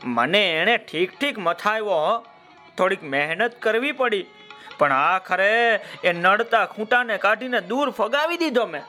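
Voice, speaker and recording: A man's voice: high-pitched, expressive, unhurried, bright, forceful tone, faint music behind, heavily acted. A man voicing a determined village boy who speaks in a firm, earnest way in a children's story.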